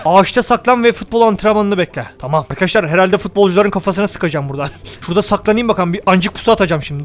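A man with a very high voice gives rapid, excitable gameplay commentary, calling out to his viewers as he plays. He talks fast and loose, full of slang and quick jabs at the characters on screen. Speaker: gaming YouTuber.

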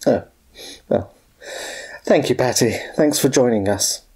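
A woman's voice: very deep voice, unhurried, warm tone, breathy edge, exaggerated voice. A performer voicing a woman parody news anchor, presenting a mock-serious local bulletin. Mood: polite interviewing.

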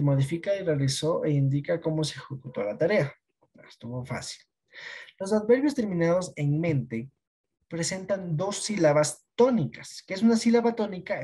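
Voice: medium pitch, dark tone, husky. A teacher giving an online class lesson, explaining patiently and often asking the students if they follow. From Ecuador. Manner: explains patiently, asks checking questions.

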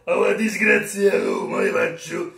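A coarse Roman brawler, put on by a man, barking loud threats in a high, strained voice. The sound is echoey and comes from a mic placed well back. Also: steady tone, moderate pace. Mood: threatening. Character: rough brawling Roman tough guy. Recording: roomy echo, mic far off.

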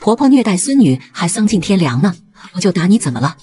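A woman's voice: lowish voice, very animated, fast, dark tone. A woman voicing a cold, sarcastic mother confronting her mother-in-law. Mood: cutting. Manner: sarcastic and cutting.

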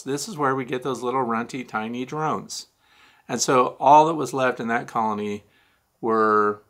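Speaking to camera from his home studio, where a neon sign hangs indoors, a sixty-something man runs a beekeeping Q&A show in a relaxed instructional way. With a medium-pitched, a bit bright voice, he lays out each step and answers the questions he raises.

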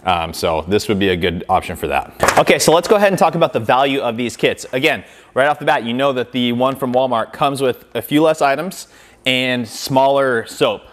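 Talking fairly quickly and with animation, a man in his thirties compares products on his car detailing channel, using lots of fillers and showing things with his hands. His medium-pitched voice comes through a lapel mic in a garage workshop, with slight background noise.

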